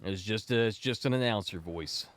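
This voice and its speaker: A man's voice: on the low side, moderate pace, fairly bright tone, dry recording. A sick, stuffy man casting a game tournament on a live stream, chatty and playful and prone to wandering off topic. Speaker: esports tournament caster. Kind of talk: casual live-stream commentary.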